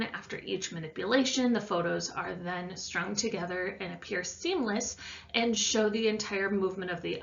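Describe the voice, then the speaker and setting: Recorded on a distant microphone that muffles her slightly, a woman science teacher casually walks through an assignment in a voice-over lesson. Her voice is medium in pitch and fairly bright.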